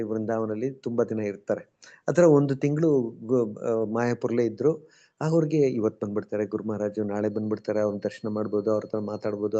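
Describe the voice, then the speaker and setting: A man's voice: mid-range voice, warm tone. A man with a Bengaluru Kannada accent telling stories in a colloquial devotional talk, acting out the people he quotes. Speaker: devotee speaker. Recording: dull lo-fi sound.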